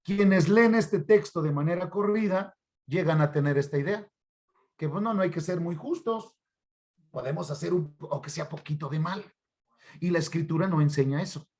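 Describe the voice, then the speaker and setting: Mexican man, fairly high voice, church workshop teacher, asks questions, video call mic. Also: moderate pace, darkish tone. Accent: Mexican Spanish. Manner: addresses listeners as brothers, asks questions to the class. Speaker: Bible study instructor.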